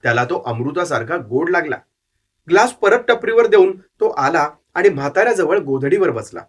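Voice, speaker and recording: A male storyteller with a high-pitched voice narrates a horror tale. His reading is measured and descriptive, moving steadily through long lists of detail. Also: lively intonation, slightly rough.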